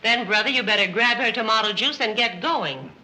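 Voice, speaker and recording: An actress playing a world-weary maid who trades deadpan screwball comedy banter in a 1930s film. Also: female voice, fairly high pitch, brisk, natural voice. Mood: deadpan, sardonic. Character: wisecracking, world-weary, sharp-tongued household maid. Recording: noisy old 1930s film soundtrack.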